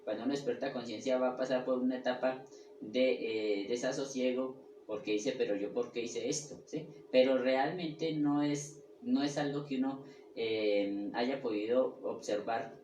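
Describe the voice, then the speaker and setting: A man teaches a spiritual class in a halting, repetitive way, often pausing to check that his listeners follow. He sounds echoey and set back from the mic, with a faint hum of room ambience behind him. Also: mid-range voice, steady tone, a little mellow, recorded from a distance. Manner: halting, with restarts and repeated words. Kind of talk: lecture on the ego and personality.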